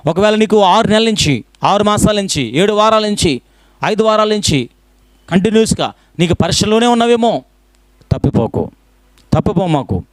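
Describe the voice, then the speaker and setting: A man preaching a fervent sermon as a pastor, firing off rhetorical questions and swinging between loud pleading and hushed low lines. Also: animated, normal speed, pauses often, no room sound.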